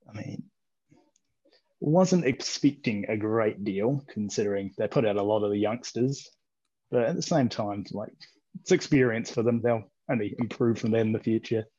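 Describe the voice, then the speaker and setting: Husky, mellow New man. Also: lowish voice, normal speed, dry recording. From New Zealand. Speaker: co-host. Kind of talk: casual sports chat. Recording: dull lo-fi audio.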